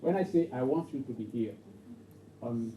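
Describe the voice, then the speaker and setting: A man's voice: medium pitch, moderate pace, mellow. Man teaching grammar. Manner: repetitive, checks understanding with "okay?". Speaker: English teacher. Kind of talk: classroom grammar lesson. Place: classroom. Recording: roomy, distant, dull lo-fi, faint noise.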